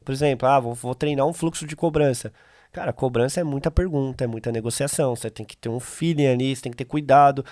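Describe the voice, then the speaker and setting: A man's voice: medium pitch, fast, a little mellow, no room sound, clean studio sound. A Brazilian man speaking as a podcast guest, explaining things in a conversational way with practical examples. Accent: Brazilian Portuguese. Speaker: podcast guest, voice company CEO. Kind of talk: conversational interview.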